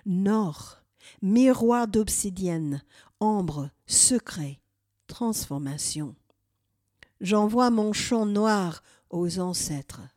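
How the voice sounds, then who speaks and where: A woman narrating a first-person guided meditative journey in a slow, hushed voice that sometimes drops to a whisper. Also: medium pitch, lively intonation. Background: faint music.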